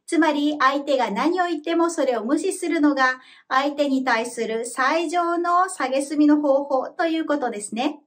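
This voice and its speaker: A woman with a high voice teaches a language lesson from a script. She explains each word in a clear, measured way. Her delivery stays calm and even, like a teacher guiding learners through the material. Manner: slow, careful model pronunciation for repeating.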